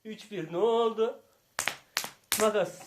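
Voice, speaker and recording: Hosting a casual family vlog, a father teases playfully and calls out game scores, breaking into bursts of laughter. His voice sits high and moves at a slow pace over a noisy background.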